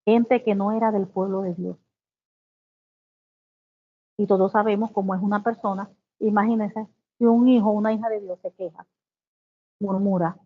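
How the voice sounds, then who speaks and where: Woman teaching a devotional over tinny audio. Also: mid-range voice. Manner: reads scripture slowly, then explains with exclamations. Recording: tinny phone-like sound.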